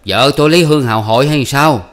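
A man's voice: mid-range voice, fast talker, fairly bright tone, pitched above the performer's own voice, natural voice. A male audiobook reader voicing a simple, naive farmer who asks puzzled questions.

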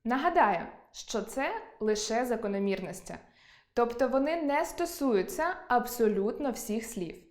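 A woman teaching an online lesson, reading from a script and slowly drawing out example words. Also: fairly high pitch, animated, darkish tone, roomy sound.

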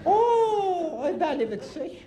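Man playing a shrill old peasant granny. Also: big pitch swings, a little slow, crowd noise, full character voice. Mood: grumbling. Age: over 70. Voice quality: shrill, quavering, cackling. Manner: rambling, chatty, scolding. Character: cantankerous old countrywoman, stubborn and gossipy. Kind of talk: live stage comedy sketch. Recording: live stage with audience laughter and noise.

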